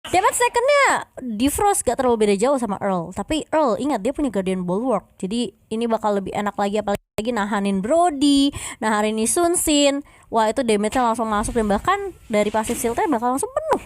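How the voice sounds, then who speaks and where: High-pitched Indonesian woman, fighting game announcer style. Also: sing-song, fairly quick, no echo, studio quality. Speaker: esports shoutcaster. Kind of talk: excited live game commentary. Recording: game music behind the voice.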